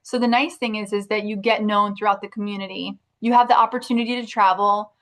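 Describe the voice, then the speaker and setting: A woman's voice: medium pitch, steady tone, quick pace, a bit bright. Chatty woman actress in an interview. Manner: chatty, frequent restarts and fillers like "like". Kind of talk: casual interview chat.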